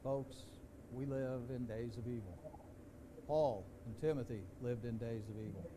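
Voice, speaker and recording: A man's voice: medium pitch, a little slow, background noise. A man preaching a sermon in a church, folksy and conversational, building to emphatic questions. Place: church sanctuary.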